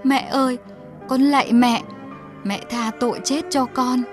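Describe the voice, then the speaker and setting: Haughty boat owner in a storybook reading, loud and commanding, read by a woman. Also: sits high, steady tone, unhurried, soft background music. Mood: begging. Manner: loud, commanding, later wailing and begging. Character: arrogant rich male boat owner, ashamed of his mother.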